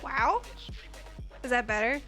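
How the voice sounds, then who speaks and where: A woman's voice: high voice, lively intonation, slow, sharp tone, soft background music. A woman streamer in casual live-stream chat, chatty and self-mocking, laughing often and swearing casually.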